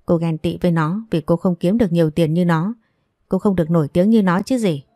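A woman's voice: lowish voice, fairly quick, no echo, clean studio sound, lightly acted. A woman voicing a scornful, nagging older mother-in-law who complains theatrically. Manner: sharp and wailing, theatrical complaints.

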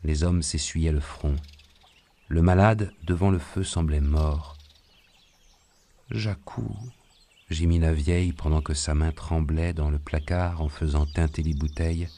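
A man narrating an audiobook with a very low, deep voice. He reads in a calm and measured way. The narration has a steady storytelling pace. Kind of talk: scripted narration.

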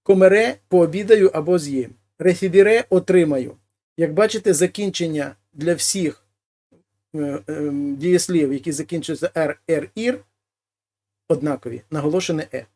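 Man, fairly high voice, language teacher, reads phrases then explains, patient lesson pace. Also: dark tone. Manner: reads each Spanish phrase, then translates it slowly and explains. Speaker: Spanish teacher.

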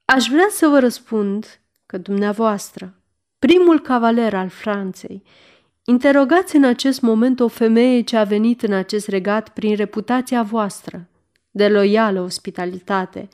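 A woman reading the lines of a dignified noblewoman who answers a king calmly, firmly and with formal politeness. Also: fairly high pitch, natural voice. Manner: calm, firm, formally polite.

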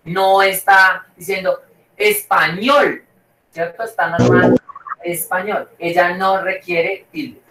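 Slow teacher voice, repeating and checking in, roomy echo, set back from the mic. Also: medium pitch, little pitch movement, a bit bright, far from the mic, a little hiss or hum. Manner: repeats and checks with "¿cierto?" and "¿listo?". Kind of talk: online class.

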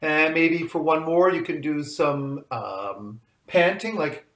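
A man leading a vocal warm-up lesson as a choir coach, with a morning voice, talking lightly and encouragingly and joking at his own singing. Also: on the high side, slow, roomy sound. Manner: light, self-deprecating, encouraging.

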